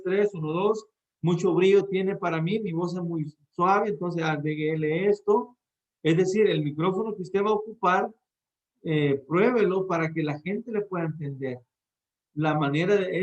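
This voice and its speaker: A man teaching a class on how to preach, talking directly to his listeners and often restarting his phrases. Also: high-pitched. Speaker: preaching instructor. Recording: dull lo-fi sound.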